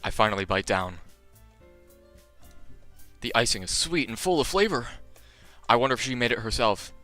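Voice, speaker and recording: A lively young male streamer reading a story game aloud and bantering with his viewers. His voice swings up and down, stays bright and forward. Faint music plays behind him. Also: medium pitch, moderate pace. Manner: animated, jokey, chatting to viewers between lines. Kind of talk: live-streamed visual novel read-through.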